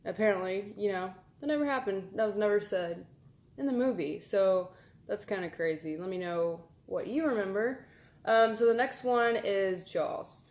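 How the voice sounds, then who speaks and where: A woman's voice: mid-range voice, normal speed, a little mellow. A woman, chatting casually for her vlog in a rambling, filler-heavy, amused way. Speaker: vlogger. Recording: roomy echo.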